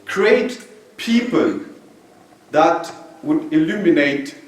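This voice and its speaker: A man's voice: on the high side, animated, slow, distant mic. A man in his thirties from Belgium giving an informal sermon at a mosque, talking conversationally with lots of "you know" fillers. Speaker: religious speaker. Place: mosque hall, indoors. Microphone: stand mic at a distance. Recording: very echoey hall, voice from off-mic.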